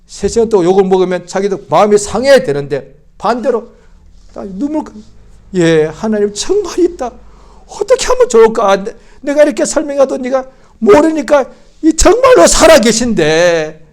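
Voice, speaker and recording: A male pastor giving a Christmas sermon in church, swinging from loud outbursts to hushed, quiet speech. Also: very high voice, big pitch swings, normal speed. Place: church service.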